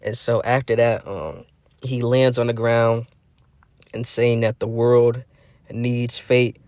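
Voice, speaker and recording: A man's voice: medium pitch, fairly even intonation, slow, darkish tone, no room sound. Young guy rambling thru a fan story, lots of um and like, dry close sound. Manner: rambling, heavy fillers and restarts. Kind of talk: casual improvised storytelling.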